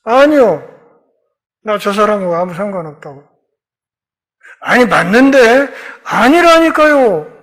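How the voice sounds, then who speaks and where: A man's voice: high voice, animated, a little slow, long pauses. A man pastor voicing an impulsive male disciple in a sermon retelling, protesting and pleading. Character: impulsive man disciple, fearful then humbled.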